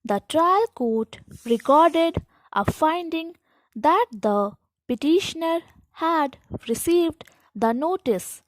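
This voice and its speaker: High voiced lady doing slow school dictation, short careful phrases w pauses, really dry sound. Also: expressive, dry recording, rough recording. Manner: deliberate, halting phrase-by-phrase reading. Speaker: dictation instructor.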